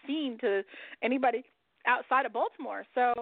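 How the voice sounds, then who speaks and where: A woman's voice: a little high, normal speed, creaky, no room sound. A woman hosting a radio show in casual chat, who swears freely and laughs often. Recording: dry, phone-like line.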